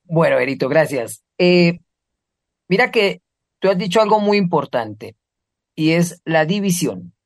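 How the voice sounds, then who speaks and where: A man's voice: on the high side, big pitch swings, unhurried. A man gives an earnest spiritual talk as a guest, asking rhetorical questions and listing words one by one. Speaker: guest speaker.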